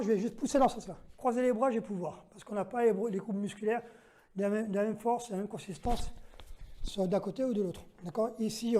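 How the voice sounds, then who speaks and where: Guy teaching self defense moves, warm mellow voice, counts one two, keeps asking ok?. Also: high-pitched, a little hiss or hum. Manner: methodical, counts out moves and checks in with "d'accord?"; gives short commands to a training partner. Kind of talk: demonstration lesson.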